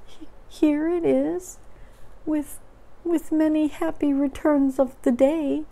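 A woman's voice: high-pitched, measured pace, warm tone, voice pushed up, rough recording. A woman voicing a small, timid, apologetic male piglet from a storybook, speaking hesitantly. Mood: timid, miserable. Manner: hesitant, stammering.

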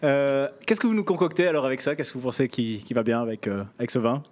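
A man's voice: medium pitch, fast, darkish tone. A man in his thirties with a Swiss French accent, hosting a TV talk show and prompting his guests, into a handheld mic. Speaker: TV host. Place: TV studio in a stone cellar.

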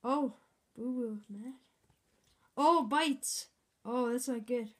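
A woman giving excitable mock play-by-play commentary, swinging from low mutters to sudden yelps, filmed at home in a bedroom. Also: slow. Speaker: channel host filming pets. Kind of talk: mock sports commentary on a cat fight.

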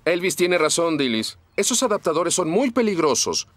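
A man voicing a calm, dependable heroic fireman in a Spanish children's cartoon, giving reassuring and clear instructions. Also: fairly high pitch, normal speed.

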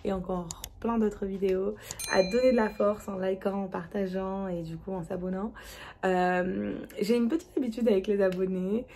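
A woman's voice: mid-range voice, steady tone, moderate pace, vocal fry, mellow, slight background noise. A young woman with a Marseille accent chatting casually through a makeup review, slangy and laughing, dropping into murmurs as she applies products. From France. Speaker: beauty vlogger.

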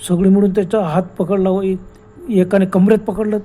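A male storyteller narrating a horror tale with dramatic flair. His voice is dark and mellow. He punctuates the telling with sudden exclamations. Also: sits high, level tone, moderate pace.

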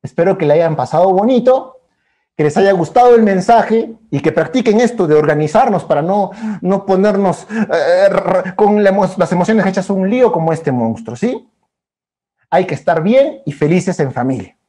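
A man telling a story to children in a bouncy, animated way. He acts out each emotion with sighs and exclamations. His voice has a mellow, warm tone. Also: sits high, moderate pace. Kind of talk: lively storytelling for kids.

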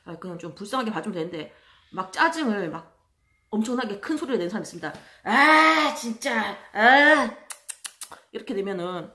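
Chatty exasperated Korean-speaking woman. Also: mid-range voice. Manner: chatty, exasperated, acts out other passengers in loud voices. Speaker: vlogger. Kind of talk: casual storytelling monologue.

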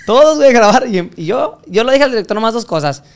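A man's voice: very high voice, big pitch swings, quick pace, vocal fry. Crude, swearing Mexican man telling stories. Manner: crude, profanity-laden, acts out quoted voices. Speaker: podcast guest. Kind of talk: casual storytelling interview.

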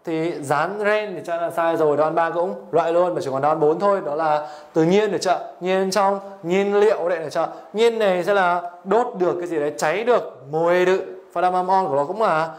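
Brief: young male teacher, high voice, exam-prep lesson, keeps asking rhetorical check-in questions. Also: fairly quick, few pauses. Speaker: Japanese language teacher.

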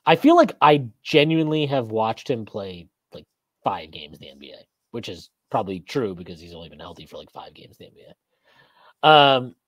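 With a medium-pitched, sing-song voice and a brisk pace, a podcast host in his thirties hosts a casual postgame sports video call. There's no room sound on his webcam mic in the small indoor room, and he rambles, reads viewer comments aloud and laughs often.

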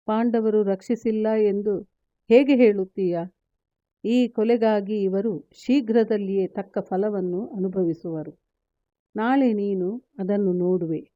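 A woman voicing a calm divine male counselor from an epic, consoling in measured sentences. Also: medium pitch, no room sound, dull audio, natural voice.

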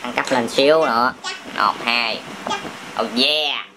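On a family toy channel, a dad with a southern Vietnamese accent talks slowly in a mid-range voice as he plays at a table of toy bricks indoors at home. His chat is casual and playful, with teasing and frequent short repeated phrases. The recording is noisy home camera audio full of clicking bricks.

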